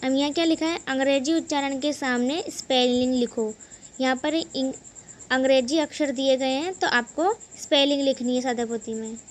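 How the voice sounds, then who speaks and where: A woman teaching young children English, slowly spelling out each word letter by letter and explaining it. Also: sits high. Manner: slow, spells words letter by letter.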